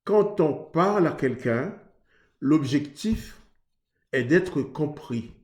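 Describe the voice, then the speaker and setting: A man's voice: fairly high pitch, expressive, takes it slowly, darkish tone, reverberant. A man from Haiti preaching earnestly on marriage, in a conversational way that acts out both sides of a couple's exchange. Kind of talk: sermon on marriage.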